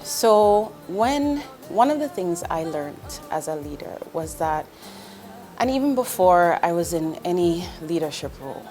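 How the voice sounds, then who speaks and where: Very animated yet measured in pace, this woman's voice is on the low side and mellow, with faint music behind. In her forties and from Jamaica, she speaks as an investment executive giving candid interview answers, earnest and direct, with ums and restarts.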